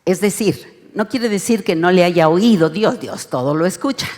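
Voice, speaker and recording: A woman's voice: lowish voice, normal speed. Mexican woman teaching a Bible study. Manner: expressive, prompts the group to read along. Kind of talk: interactive Bible study lesson. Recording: reverberant hall sound.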